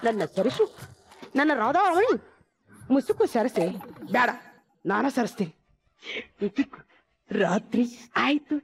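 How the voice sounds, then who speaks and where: A woman playing a bumbling, nervous young groom in a comedy sketch, speaking with a North Karnataka Kannada accent, boastful one moment and flustered the next, with mock-poetic outbursts. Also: high-pitched. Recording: loud background noise.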